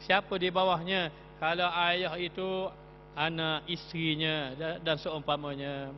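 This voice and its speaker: A man's voice: on the high side, flat delivery, unhurried, in a large hall, muffled recording, slight background noise. A male religious teacher giving an evening mosque lecture, telling stories and asking rhetorical questions.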